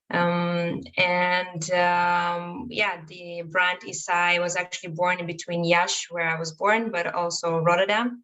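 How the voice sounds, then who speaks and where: A woman's voice: fairly low pitch, a bit bright, low-quality recording. A woman giving an online presentation with slides, speaking hesitantly with many fillers. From Romania. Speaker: guest speaker, fashion brand founder.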